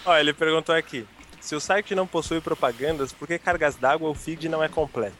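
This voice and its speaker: Laid-back Brazilian podcast host. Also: male voice, fairly high pitch, fairly quick, a little hiss or hum. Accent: Brazilian Portuguese. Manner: relaxed, reads listener questions, self-mocking. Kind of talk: casual podcast chat.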